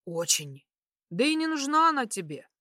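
A woman's voice: sing-song, bright, forceful tone, no echo, studio quality, full character voice. A woman doing a smug, teasing bearded man. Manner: slow, lowered, smug drawl.

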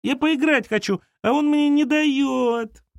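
A man voicing a tearful, whiny little girl who shouts and squeals. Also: very high voice, slow, creaky, dry recording, studio quality, pitched above the performer's own voice, exaggerated voice. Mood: whining.

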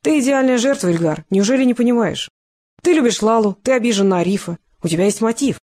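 A reader voicing a cold, mocking male interrogator in an audiobook who needles and shouts down a suspect. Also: medium pitch, expressive, fast, close to an everyday voice. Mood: shouting. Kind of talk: audiobook character reading.

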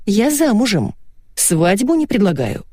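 Woman voicing a boastful, pushy rich man, audiobook, lively pitch, dry sound. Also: unhurried, husky, no echo. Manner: boastful, insistent. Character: brash, pushy rich middle-aged man.

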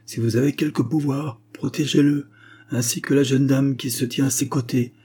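A man's voice: medium pitch, fairly even intonation, moderate pace, warm tone, slightly rough, voice pushed up, lightly acted. A man voicing an urgent young nobleman in a storybook reading, pressing and insistent, his voice raised slightly above his narration.

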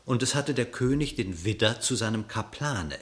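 In a radio play, a man narrates a verse fable expressively, with dramatic storytelling. His voice is medium-pitched, and his pace is moderate.

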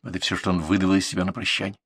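A man narrating a novel as an audiobook, reading in an expressive storytelling manner. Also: sits low, very fast, husky, dry recording, studio quality. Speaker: audiobook reader. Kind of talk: scripted narration.

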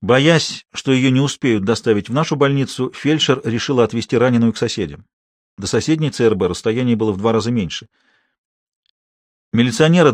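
A man narrating an audiobook in a steady, measured reading voice. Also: mid-range voice, no room sound.

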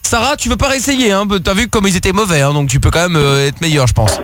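A man hosting a late-night call-in radio show, teasing and mocking his callers in rapid-fire banter. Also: high-pitched, fairly bright tone, no room sound. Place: radio studio.

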